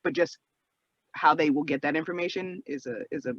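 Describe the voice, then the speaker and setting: Measured female panelist, muffled lo-fi remote audio. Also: low-pitched, dry recording. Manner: thoughtful, measured. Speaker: panel guest. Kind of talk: online panel discussion. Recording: dull lo-fi call audio.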